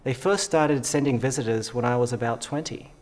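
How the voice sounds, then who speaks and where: A man's voice: mid-range voice, fairly quick, close to an everyday voice. An actor playing a helpful local man giving directions in a scripted dialogue. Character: helpful male local guide.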